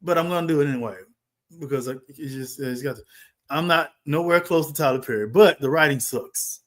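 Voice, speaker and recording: A man hosting a live stream, giving an animated, exasperated film review, talking in bursts with many restarts. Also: on the high side, brisk. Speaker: livestream host reviewing a film. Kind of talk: casual live reaction commentary.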